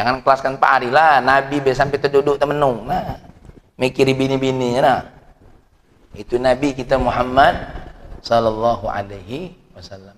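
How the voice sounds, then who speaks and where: A man preaching a dawn religious lecture, telling stories and teasing his listeners. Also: mid-range voice. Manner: lively storytelling with teasing asides to listeners. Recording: long hall reverb.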